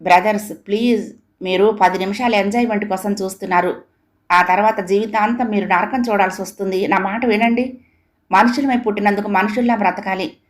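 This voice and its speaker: A woman's voice: mid-range voice, steady tone, brisk, close to an everyday voice. A woman voicing a worried young man who pleads urgently with his captors in a story reading. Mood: pleading.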